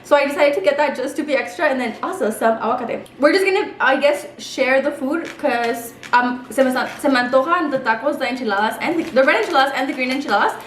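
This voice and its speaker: Fast, high-voiced young woman vlogging. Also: roomy sound, a little hiss or hum. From El Paso, Texas. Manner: chatty, mixes Spanish words into English. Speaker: beauty vlogger. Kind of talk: casual chat during a mukbang. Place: home room set up as a small studio.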